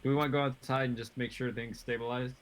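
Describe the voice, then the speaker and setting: A man's voice: medium pitch, steady tone, fast, slight background noise. A man talking casually as a tabletop player, playful and wry.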